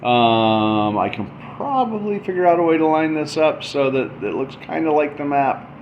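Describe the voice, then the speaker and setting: A man with a fairly high, animated voice gives an informal tutorial walkthrough at normal speed, thinking aloud as he explains a math and radio demonstration. It's recorded on a dull lo-fi mic with faint background noise.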